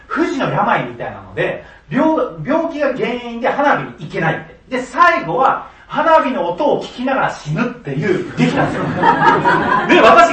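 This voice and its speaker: A man's voice: very high-pitched, fairly bright tone, distant mic. A man telling a personal story in a casual monologue, laughing often and acting out the voices he quotes. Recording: echoey room, voice a bit off-mic, faint background noise.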